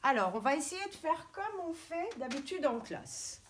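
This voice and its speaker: A woman preschool teacher giving a reading lesson to young children over a camera, sounding out letters slowly and carefully in a coaxing way. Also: high-pitched, sing-song, a little hiss or hum. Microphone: camera mic.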